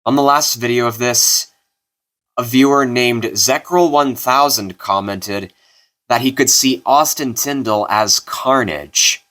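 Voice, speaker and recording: A man's voice: mid-range voice, slow pace, fairly bright tone. A man hosting a video, giving casual scripted commentary. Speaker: video host. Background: music.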